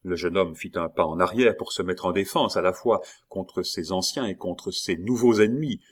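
A deep-voiced man narrates an audiobook of a classic novel, telling the story in a steady, measured way.

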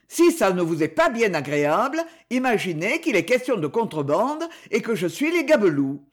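A solemn village man lays down the law in a firm, steady tone, as a storyteller puts him on. His delivery is commanding yet lively in pitch, in an audiobook telling. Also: moderate pace. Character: solemn, resolute village man taking charge.

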